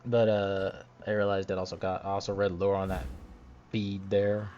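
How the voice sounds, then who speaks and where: Grumbling low-voiced man on a dull recording. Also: level tone, normal speed, a little mellow, faint music behind. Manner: grumbling, annoyed and rambling. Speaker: gameplay commentator. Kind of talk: voice-over commentary over gameplay footage. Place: home recording setup, voiced after the footage.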